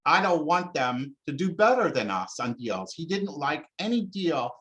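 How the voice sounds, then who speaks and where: A man speaking as an interviewed scholar, his voice sitting a bit high and swinging widely in pitch. He talks in a loose, conversational way, full of restarts and "you know"s as he builds his case. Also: normal speed, poor audio. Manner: animated, lively explaining with many fillers and restarts.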